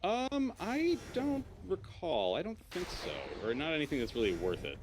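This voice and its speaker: A man's voice: mid-range voice, wildly swooping pitch, fairly quick, background noise. A man chatting casually and informally as he guides other players through a video game on a stream. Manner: informal, swears freely. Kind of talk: casual gaming chat.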